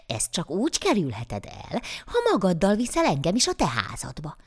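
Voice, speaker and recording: A woman's voice: lowish voice, wildly swooping pitch, husky, heavily acted. A woman voicing a wicked, coaxing old witch in a storybook reading. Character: wicked old witch with iron nose, female.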